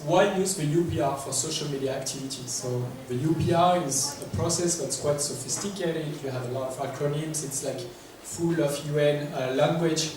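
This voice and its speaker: At a conference, a man with a fairly high-pitched voice and a French accent runs a workshop in English, hesitating often, filling gaps with fillers, and questioning the audience. The clip sounds distant, echoey and noisy, coming from a large conference room.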